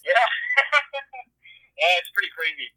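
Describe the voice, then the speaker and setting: A man's voice: high-pitched, big pitch swings, takes it slowly, bright, forceful tone, no echo, poor audio. A young man calling in to a show, heard over a phone on speaker, chatting casually and rambling with lots of fillers. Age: young adult. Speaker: caller. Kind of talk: casual call-in chat.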